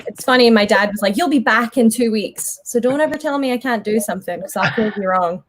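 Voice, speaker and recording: A woman's voice: fairly high pitch, brisk, slight background noise. A Scottish woman in her thirties, a guest actor chatting casually in an interview, with frequent ums and laughter. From Scotland.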